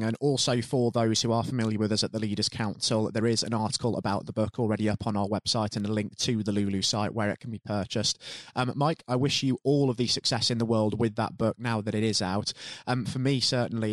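A man's voice: fairly low pitch, no echo. Formal male host over music. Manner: polite, wordy, formal phrasing. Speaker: podcast host. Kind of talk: formal, scripted-sounding show sign-off.

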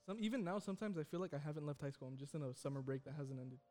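A man's voice: on the high side, animated, very fast, warm tone, faint music behind. A young American man hosting a casual podcast, telling slangy, joking, self-deprecating stories among friends. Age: young adult. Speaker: podcast host.

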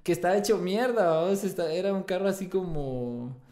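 A man's voice: high voice, lively intonation, a little fast, a little mellow. A young man with a Guatemalan accent, a band singer and guitarist, telling a story in casual slang, full of tag questions and swearing. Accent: Guatemalan Spanish. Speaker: band vocalist and guitarist, guest.

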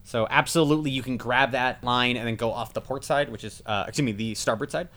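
A man with a medium-pitched, slightly bright voice narrates quickly as game master of a casual tabletop session. He keeps correcting himself as he goes and laughs at his own jokes in a relaxed way.

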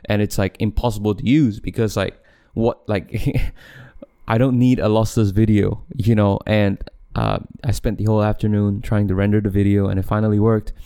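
A young Malaysian man hosts his own podcast from a home room, with the camera set back, chatting casually on his own. His voice is lowish, mellow and clean, with a flat delivery at a moderate pace. He rambles, corrects himself and laughs often.

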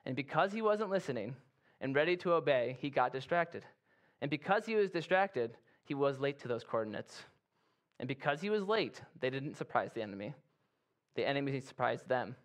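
Conversational man preaching a sermon. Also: mid-range voice. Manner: conversational, acts out quoted soldiers with playful asides. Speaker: pastor.

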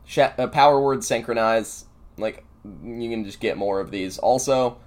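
A man's voice: medium pitch, a little slow, darkish tone. A man co-hosting a gaming podcast, talking casually in a loose, rambling way with lots of fillers. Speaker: podcast co-host.

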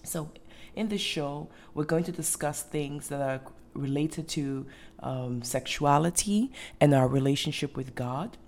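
Low-voiced woman hosting a faith podcast. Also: measured pace, darkish tone. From Ghana. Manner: earnest, with many ums and restarts. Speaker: podcast host. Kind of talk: casual faith podcast monologue.

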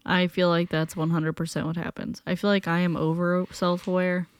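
A young woman co-hosting a podcast talks in a chatty, teasing way. Her voice sits a little low for a woman. The recording is dry and close. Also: flat delivery, brisk, dry recording. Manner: teasing, chatty, laughs easily. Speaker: podcast co-host. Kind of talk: casual chat.

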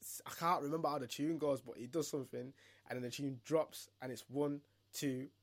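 A young man talks in a London roadman accent with a creaky edge and a mid-range pitch. His speech is casual, slang-heavy podcast banter, with phrases repeated for emphasis. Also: fairly even intonation, brisk. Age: young adult. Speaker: podcast co-host.

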